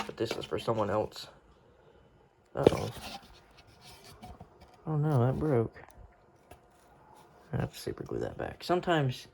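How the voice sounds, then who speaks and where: A man with a gravelly, mid-range voice casually shows off his collection of weather radios in an unscripted show-and-tell. He is in a room at home, and the recording is noisy, with clicks.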